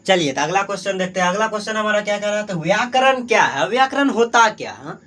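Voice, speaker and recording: A young man with a Bihari Hindi accent and a notably high voice leads an exam-prep grammar lesson. He keeps putting questions to the class and answering them himself, and he leans heavily on the filler "jo hai" as he explains. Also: animated, quick pace, sharp tone. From Bihar, Mithila region. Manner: asks and answers his own questions, heavy filler "jo hai". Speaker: teacher.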